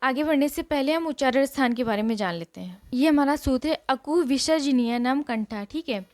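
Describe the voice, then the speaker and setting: A woman teacher runs an exam revision lesson, going over each rule repeatedly and quizzing the class with questions. Her voice sits high and sounds a little mellow, and she speaks fairly quickly.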